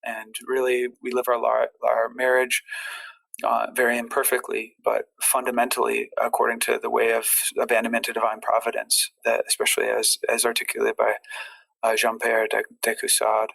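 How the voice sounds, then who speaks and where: A man telling personal stories as a podcast guest in a casual, rambling way, halting and repeating words. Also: mid-range voice, monotone, vocal fry, a bit bright, poor audio.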